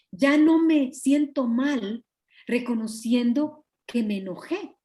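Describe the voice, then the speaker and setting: A woman, a pastor's wife, teaching a Bible study over a video call with a Guatemalan Spanish accent, earnest and confiding, often clearing her throat. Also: sits high, slow pace, warm tone. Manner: earnest, confiding, acts out quoted dialogue.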